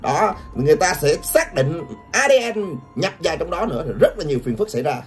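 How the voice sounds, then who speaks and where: Older woman, taunting gossip vlog, very lively pitch. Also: brisk. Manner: taunting, laughs often, addresses viewers constantly. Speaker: gossip vlogger. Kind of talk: mocking gossip commentary. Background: background music.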